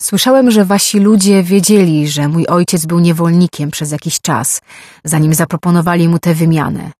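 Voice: medium pitch, steady tone, normal speed, darkish tone, dry recording, clean studio sound, lightly acted. A reader voicing a young male mage, an earnest envoy who argues and pleads his case in an audiobook. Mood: accusing. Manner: pleading, argumentative.

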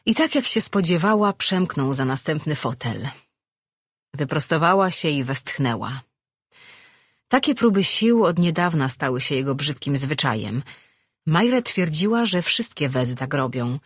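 Audiobook narrator reading steady, a bit husky, dry close mic. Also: mid-range voice, dry recording. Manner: steady, measured storytelling.

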